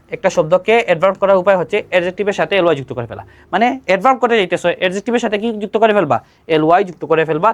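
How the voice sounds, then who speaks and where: Fast, lively teacher. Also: mid-range voice. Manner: quizzes students with questions, then answers them at once. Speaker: English grammar teacher. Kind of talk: exam-prep lesson explaining grammar rules.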